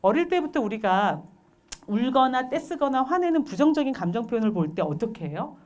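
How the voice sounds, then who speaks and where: Woman parenting lecturer: bright, rather high voice with lively pitch, keeps quizzing the audience. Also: a little fast. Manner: asks the audience questions, lively and expressive. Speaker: parenting educator.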